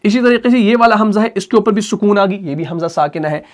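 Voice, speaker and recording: A man teaching Quran recitation rules. He asks questions and answers them himself, and repeats sounds and recites verses slowly to show them. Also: high voice. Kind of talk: tajweed lesson.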